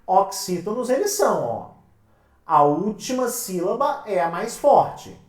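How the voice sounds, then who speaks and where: Recorded from a far-off mic in a roomy space, a woman teacher with a Brazilian Portuguese accent leads an exam-prep lecture. She speaks in a medium pitch with a sing-song, unhurried, darkish tone, addresses the class as "minha gente", and answers the questions she asks them.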